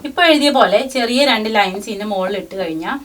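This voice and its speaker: A woman giving a language lesson. She teaches patiently, reading each syllable out slowly and repeating it. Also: mid-range voice, animated, a bit bright, a little hiss or hum.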